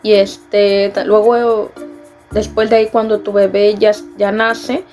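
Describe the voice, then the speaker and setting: A woman's voice: mid-range voice, flat delivery, slow, a little mellow, soft background music. A young Mexican woman chatting casually in a vlog, filling her talk with "este" and laughing at herself. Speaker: vlogger. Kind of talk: casual vlog explaining customs.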